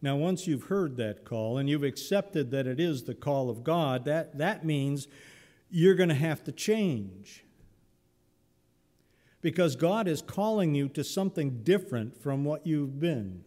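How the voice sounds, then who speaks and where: Slow, mellow-voiced male pastor preaching. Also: on the high side, animated. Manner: conversational, humorous storytelling with acted-out voices. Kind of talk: sermon. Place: church sanctuary. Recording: long church reverb.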